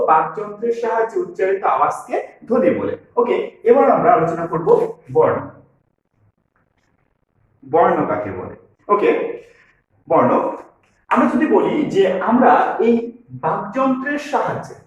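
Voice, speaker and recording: A man teaching a grammar lesson to students, repeating key phrases slowly as he writes them out. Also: high-pitched. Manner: repeats key phrases while writing on board. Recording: very echoey room.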